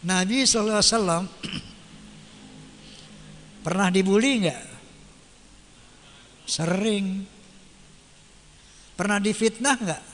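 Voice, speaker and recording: A man's voice: high voice, slow pace, pauses often, a bit bright. A man preaching a sermon who chants Arabic verses and translates them, asking rhetorical questions and answering them himself. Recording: long hall reverb.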